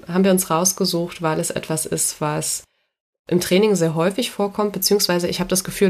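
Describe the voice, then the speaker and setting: A woman with a somewhat low voice, stuffy-nosed from a cold, hosts a casual podcast chat as a dog trainer. She's relaxed and chatty and laughs easily.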